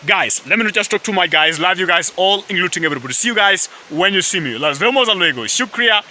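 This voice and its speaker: A man with a high, expressive voice talks quickly in a bright, forceful tone, with a faint hiss or hum in the audio. A native Swahili speaker, he's a YouTube vlogger rambling casually to camera beside a forest river, packing his talk with fillers and repeatedly calling out to his viewers as "guys."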